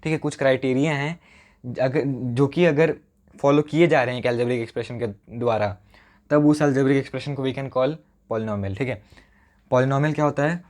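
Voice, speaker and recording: A young man teaching maths in a casual lesson, mixing Hindi and English, slowly repeating each point with joking asides to viewers. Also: mid-range voice, darkish tone.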